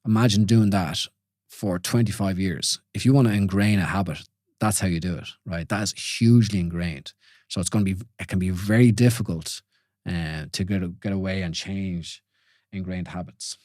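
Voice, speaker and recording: Speaking at a normal pace, an Irish man in his forties uses a low-pitched, darkish voice for his solo podcast. His reflective talk is informal and questioning, full of restarts and "you know." The audio is clean studio sound without room noise.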